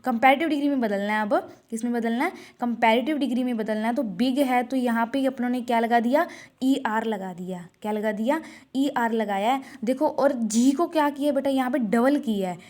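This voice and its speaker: A woman teacher explaining English grammar to students, asking and answering her own questions over and over, and slowly drawing out example sentences. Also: on the high side, darkish tone. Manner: repetitive question-and-answer drilling, calls students 'beta'; slow, drawn-out reading of example sentences. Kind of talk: classroom grammar lesson.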